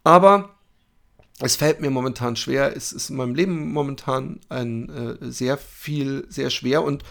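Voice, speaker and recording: A man's voice: mid-range voice, gravelly. A man hosting a solo podcast, talking candidly and openly about his feelings, with many fillers, hesitations and restarts. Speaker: podcast host.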